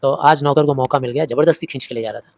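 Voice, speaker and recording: A man's voice: mid-range voice, gravelly, no room sound. A middle-aged male teacher retelling a story for a class, stopping to explain word meanings in plain, patient terms. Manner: explains slowly, glossing words and mixing languages.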